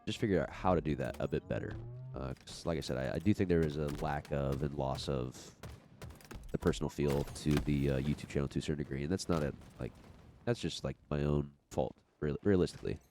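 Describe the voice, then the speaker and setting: Congested from a cold, a young man talks about his gaming channel in a loose, unedited podcast-style ramble, stopping and restarting often and leaning on fillers. He has a mellow bass voice and moves at a brisk pace.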